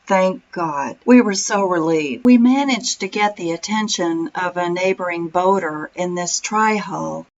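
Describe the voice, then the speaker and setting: A woman's voice: lowish voice, measured pace, hardly any pauses, highs cut off, slight background noise. A woman reading a scripted voice-over narration for a vlog, in a storytelling manner.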